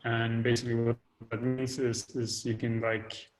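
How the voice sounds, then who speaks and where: A man explains technical work over a video call, stopping and restarting often and filling pauses as he talks. His voice stays flat, with little rise or fall in pitch. The call audio breaks up now and then. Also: low-quality recording. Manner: hesitant, many fillers and restarts. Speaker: developer giving an update.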